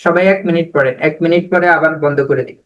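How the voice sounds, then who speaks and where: High-voiced man teaching an online class. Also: fairly even intonation, muffled recording. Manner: patient, repeats words slowly for drilling. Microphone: video call.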